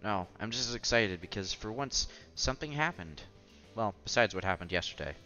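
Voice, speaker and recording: Man narrating a game story, wry asides, mid-pitched, dull recording, faint music. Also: lively intonation, brisk, bright, forceful tone. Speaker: let's play narrator. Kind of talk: reading a visual novel aloud with commentary. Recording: slightly dull with music behind.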